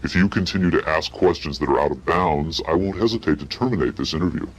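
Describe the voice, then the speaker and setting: A man heard through a disguised, pitch-shifted deep voice, giving guarded, curt and evasive answers as an anonymous interviewee. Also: fast talker.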